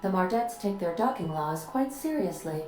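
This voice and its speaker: A calm, courteous ship computer, played by a woman answers in a mellow, even voice. She is formal and precise, with a dry wit under the politeness. The game audio sounds roomy, with soft music beneath. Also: lowish voice, moderate pace, close to an everyday voice. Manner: formal, precise and dryly witty. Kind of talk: video game voice acting.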